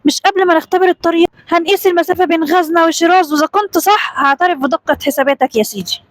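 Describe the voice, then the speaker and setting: A woman voicing an angry, jealous male court vizier who shouts in protest, with an Egyptian Arabic accent. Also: high-pitched, fast, no echo, natural voice.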